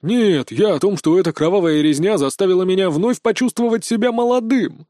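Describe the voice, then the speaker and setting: A man's voice: high-pitched, a little fast, mellow, no room sound, studio quality, lightly acted. A man voicing a stubborn, cocky old male mercenary in an audiobook, with a wry, boastful manner. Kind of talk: audiobook character voice.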